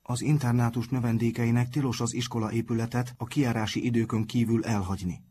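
A man's voice: medium pitch, flat delivery, mellow, a little hiss or hum, natural voice. A man reading aloud and voicing a small, anxious, timid schoolboy.

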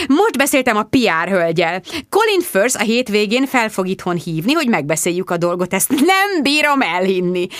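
A woman narrating a comic diary audiobook in an expressive, breathless manner. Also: medium pitch, no room sound, studio quality.

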